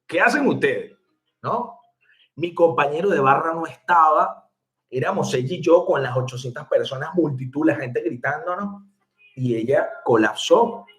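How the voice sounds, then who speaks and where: A man who works as a bartender, telling a story to his viewers in an animated, chatty way and laughing along. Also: a little high, normal speed. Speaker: bartender and online mixology teacher. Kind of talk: casual storytelling to camera.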